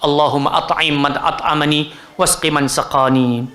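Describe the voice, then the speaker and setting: A Malaysian Malay man teaches in a high, animated voice, acting out quotes and putting questions to his listeners. The sound is roomy and full of echo. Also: normal speed. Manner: animated, acts out quotes and asks the audience. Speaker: religious teacher. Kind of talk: Malay-language religious lecture.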